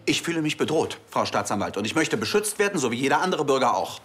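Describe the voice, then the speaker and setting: Demanding male professor, indignant, agitated, animated intonation, vehicle noise. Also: mid-range voice, fast. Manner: insistent, indignant.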